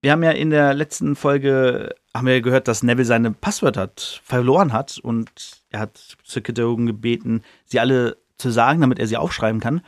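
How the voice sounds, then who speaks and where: Man, podcast host, casual chapter retelling, chatty, mid pitch, dry sound. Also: a little fast, few pauses, no room sound. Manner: chatty, many fillers and restarts.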